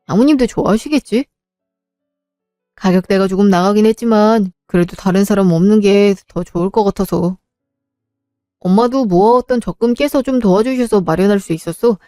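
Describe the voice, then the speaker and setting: A woman voicing a devoted young husband in an audio drama, speaking softly and reassuringly. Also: medium pitch, dry recording, clean studio sound, natural voice. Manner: soft, reassuring, earnest. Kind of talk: Korean audio drama acting.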